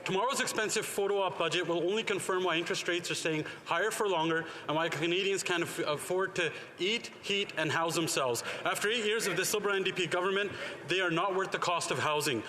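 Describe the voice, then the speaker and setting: A man with a high, bright voice delivers a rehearsed parliamentary attack as an opposition member. He is punchy and critical. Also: quick pace. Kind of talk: scripted parliamentary attack speech. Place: legislative chamber.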